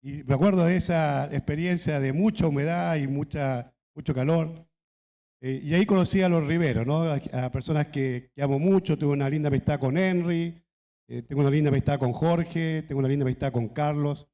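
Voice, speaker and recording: A middle-aged man from Chile preaches at a church anniversary, his voice pitched a little high. He tells his stories in a relaxed, chatty way, and a long church-hall reverb trails after his words. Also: fairly quick. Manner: conversational storytelling with laughs and asides. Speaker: pastor. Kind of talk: anniversary sermon with anecdotes.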